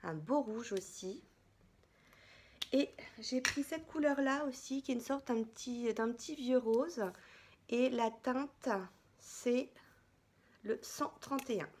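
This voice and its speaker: A woman's voice: a little high, slow pace, long pauses, a little mellow, a little hiss or hum. A woman beauty vlogger chatting casually through a product haul, chatty and hesitant, with many fillers.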